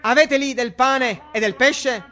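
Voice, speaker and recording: A preacher quoting a solemn risen Jesus. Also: male voice, extremely high pitch, unhurried, sharp tone, highs cut off, heavily acted. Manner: solemn, declaring. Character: calm risen Jesus, a grown man speaking with authority.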